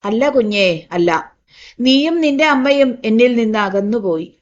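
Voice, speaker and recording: A woman reading as a proud older uncle, slow and choked. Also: on the high side, animated, lo-fi sound. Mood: grieving. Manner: choked, then stern and commanding. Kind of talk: audiobook reading.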